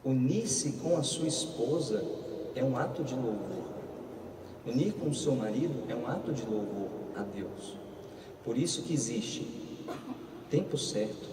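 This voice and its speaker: A young Brazilian man gives a lively, humorous church talk, acting out dialogue as he tells his stories. The sound is echoey with a long reverb tail, captured from a distance in a big hall. Steady background noise runs underneath. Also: medium pitch. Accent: Brazilian Portuguese. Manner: animated, humorous storyteller who acts out dialogue. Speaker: speaker at marriage preparation course. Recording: roomy hall, far from the mic, noisy.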